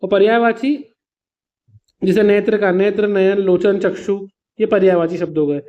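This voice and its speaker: Speaking at a high pitch with fairly even intonation, this man has a mellow voice and keeps a moderate pace, though the audio is dull. He is running an exam revision lesson, patiently explaining with simple examples, calling his students "beta," and slipping English words into his explanations.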